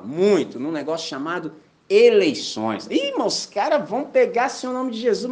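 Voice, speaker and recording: A man with a Brazilian Portuguese accent preaching a sermon as a pastor, acting out conversations in shifting voices. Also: high-pitched. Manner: animated, acts out dialogues in shifting voices.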